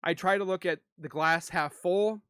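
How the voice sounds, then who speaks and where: Slightly high, dry-voiced man venting. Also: fairly bright tone, smooth, no echo. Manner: halting, frustrated, with frequent restarts; holding back tears. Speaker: YouTuber. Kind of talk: emotional venting to viewers.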